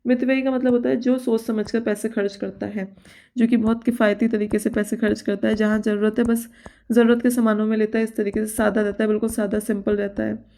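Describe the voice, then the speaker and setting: A woman teaching an exam-prep vocabulary lesson. She lists synonyms, checks in with her students, corrects herself as she goes, and reads English example sentences slowly. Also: on the high side, flat delivery, mellow. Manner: explains by listing synonyms, checks with "theek hai".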